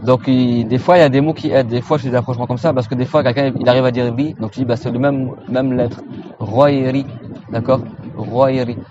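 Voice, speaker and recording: Man from France, relaxed recitation teacher, slow repeated syllables, dull lo-fi sound, faint hiss. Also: mid-range voice. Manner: repeats Arabic sounds slowly for students to echo; casual, familiar, checks in with "d'accord?". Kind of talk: informal pronunciation lesson.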